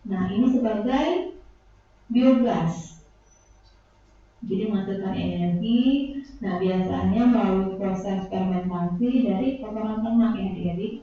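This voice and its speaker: A woman's voice: mid-range voice, a little slow, pauses often, lo-fi sound. A woman explaining lesson material to pupils, with frequent fillers, addressing the class directly. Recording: echoey classroom from a distant camera. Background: classroom ambience.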